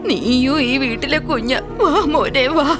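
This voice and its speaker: A woman's voice: sits high, a little slow. An actress dubbing a loving elderly grandmother who heads the family, speaking tenderly and pleadingly. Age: older. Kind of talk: Malayalam film dub. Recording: film soundtrack with loud music.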